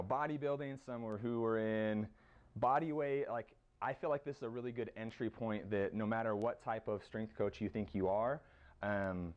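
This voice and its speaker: Smooth-voiced American coach presenting. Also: male voice, lowish voice, lo-fi sound. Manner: casual, fillers, lists exercises. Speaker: high school strength coach presenting. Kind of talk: conference presentation. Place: conference room.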